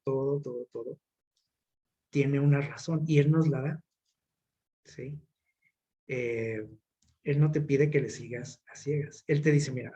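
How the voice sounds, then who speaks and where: A man's voice: a little high, a little mellow. Conversational preacher man. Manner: asks the audience frequent questions, many fillers and restarts. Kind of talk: conversational sermon.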